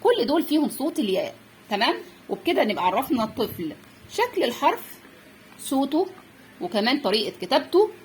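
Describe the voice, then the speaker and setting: A young woman with an Egyptian Arabic accent teaches the Arabic letters to parents. Her voice sits high and swings widely, and she draws out each letter sound clearly. A faint hiss runs under the recording. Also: sing-song. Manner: clear, drawn-out letter sounds with frequent check-ins. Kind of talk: Arabic alphabet lesson for parents.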